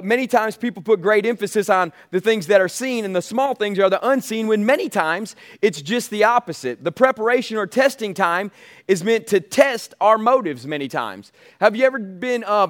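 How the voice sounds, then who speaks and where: A man's voice: high voice, a bit bright. An American man preaching as a pastor, urging his listeners on and repeating key phrases for emphasis. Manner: exhortative, calls on listeners to say amen. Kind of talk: sermon.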